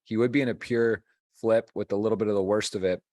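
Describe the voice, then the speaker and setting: Low-voiced man calling poker. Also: fairly even intonation, fast, a little mellow. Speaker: poker commentator and stream host. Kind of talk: live poker tournament commentary, conversational.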